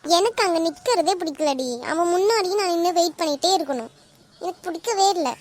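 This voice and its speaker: A woman with a very high-pitched, brisk voice performs cartoon voice acting as a young college girl with a Tamil Nadu accent. She bickers with her friend in a teasing, sulky back-and-forth.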